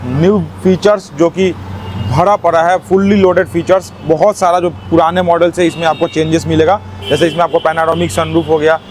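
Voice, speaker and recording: A man giving an eager, teleshopping-style car sales pitch, hammering points home by repetition. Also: steady tone, fairly quick, a little mellow. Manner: eager teleshopping-style selling, emphatically repeating prices. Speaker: used-car dealer presenting stock. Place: outdoors at a car lot. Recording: noisy outdoor car-lot sound.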